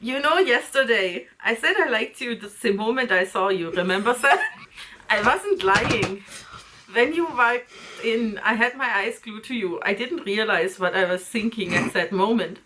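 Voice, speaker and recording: A woman puts on an earnest young male pop idol, smitten and a little nervous, delivered in a clumsy fake German accent. It is a hammy, overdramatic novel reading, pitched a touch above her normal voice. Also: animated, normal speed, bright, forceful tone. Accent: put-on fake German.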